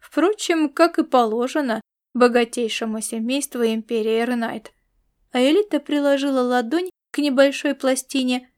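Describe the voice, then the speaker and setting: A woman reading a fantasy novel aloud as narrator, in steady storytelling narration. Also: sits high. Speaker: audiobook narrator. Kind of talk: scripted narration.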